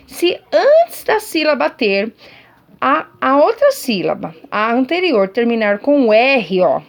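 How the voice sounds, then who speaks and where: A woman teacher, explaining a lesson patiently to her pupils at home, often checking that they follow. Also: on the high side. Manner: patient, repetitive classroom explaining with frequent check-ins.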